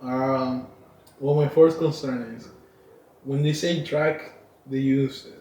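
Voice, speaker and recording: A man's voice: mid-range voice, steady tone, slow pace, warm tone. A man in his twenties from the Dominican Republic, guesting on a casual podcast, easygoing and restarting his sentences. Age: 20s. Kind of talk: casual chat. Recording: roomy sound, mic at a distance.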